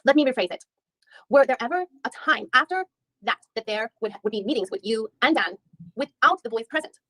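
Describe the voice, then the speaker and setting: A woman on the high side, with lively intonation and a pushed, bright voice, briskly reads a female attorney's methodical, probing questioning of a witness in a deposition reenactment. She restarts often, and the audio is dry and poor.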